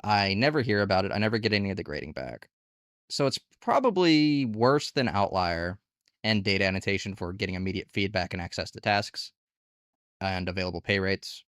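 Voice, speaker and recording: A man's voice: low voice, lively intonation, a little fast, fairly bright tone, clean tone, no echo, clean studio sound. A man hosting a conversational review and tutorial, speaking casually and candidly and posing rhetorical questions. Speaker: video host reviewing online gig work platforms.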